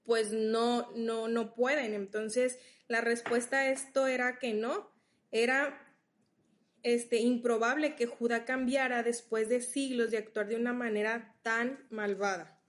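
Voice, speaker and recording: A woman teaches a Bible study, her voice sitting slightly high. She speaks slowly and patiently, reading scripture aloud and unpacking it step by step. She often stops to make sure her listeners are keeping up. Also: steady tone. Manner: explains patiently, reads verses aloud, checks in with listeners.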